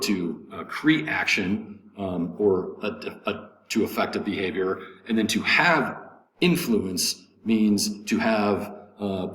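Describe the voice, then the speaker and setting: A man teaching English vocabulary, slowly repeating words and stressing syllables, with frequent ums. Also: low-pitched, fairly bright tone. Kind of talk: vocabulary lesson recording. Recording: echoey room with faint noise.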